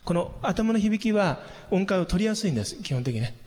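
A man teaching a singing lesson, explaining patiently and calmly, with hummed demonstrations. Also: sits high, brisk. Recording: long hall reverb.

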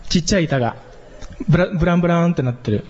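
A man, a church pastor, giving a casual spoken lesson on singing and microphones, chatty with many fillers and lively leaps in pitch. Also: very fast. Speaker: church pastor teaching singers. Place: church hall. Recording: dull lo-fi sound with long reverb.

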